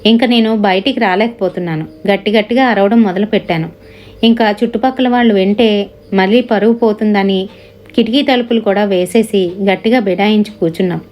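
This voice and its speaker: Female storyteller, dramatic horror narration at a mid pitch, voices each character's lines. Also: fairly quick, darkish tone, soft background music. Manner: dramatic, acts out family members' lines.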